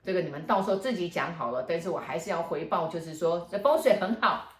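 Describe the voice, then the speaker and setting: A woman's voice: lowish voice, fast, faint music behind. Woman with telling a story. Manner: lively, chatty storytelling with frequent laughs. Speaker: feng shui master. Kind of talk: casual storytelling chat. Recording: roomy echo.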